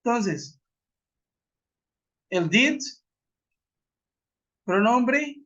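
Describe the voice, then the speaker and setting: Man, English teacher, online lesson, slow and patient, dull muffled web-call audio. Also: very high-pitched, big pitch swings, pushed and bright. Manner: patient, repeats example sentences slowly.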